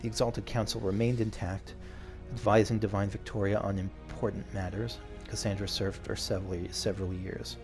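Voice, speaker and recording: Game music runs behind a man narrating his video game playthrough in a lowish, level voice at a moderate pace, pausing little. He alternates casual thinking-aloud commentary with dramatic readings of the story text.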